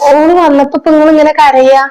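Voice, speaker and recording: A woman playing a gentle younger relative in a short film, speaking in a soothing, coaxing way. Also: high-pitched, flat delivery, fast, natural voice, poor audio. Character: gentle younger relative who comforts the family.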